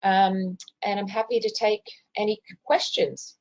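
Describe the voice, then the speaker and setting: A woman's voice: medium pitch, steady tone, a little slow. An Australian woman giving an informal instructional webinar from a hospital, explaining in a conversational way with some hesitant self-corrections, as a health educator. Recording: muffled, dull webinar audio.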